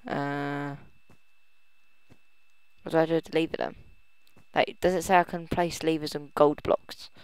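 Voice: medium pitch, fairly even intonation, measured pace, long pauses, smooth, dry recording. Rambling gamer thinking aloud. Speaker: let's play gamer. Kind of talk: casual game commentary.

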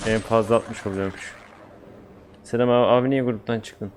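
A man's voice: lowish voice, fairly even intonation, normal speed, a little hiss or hum. A man with a Turkish accent chats casually and in slang with viewers while live-streaming a game. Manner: informal, slangy, chatting with viewers.

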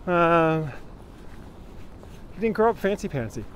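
The speaker is a tour guide in his thirties whose fairly high voice has lively intonation and a slightly slow delivery. Walking a city street, he live-streams from a phone held at arm's length, greets viewers by name, and the low-quality recording picks up traffic.

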